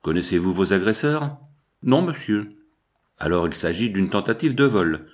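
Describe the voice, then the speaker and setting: A man reading a novel aloud as a narrator, with measured storytelling that lifts in pitch and volume for quoted speech. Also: expressive. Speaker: audiobook reader. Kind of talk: scripted narration.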